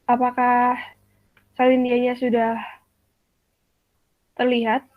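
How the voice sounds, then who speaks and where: High-voiced young woman teaching over a tinny call. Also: monotone, takes it slowly, no echo. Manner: explains step by step, quizzes the class. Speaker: teacher in a practice lesson. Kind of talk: online class teaching. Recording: dry tinny call audio.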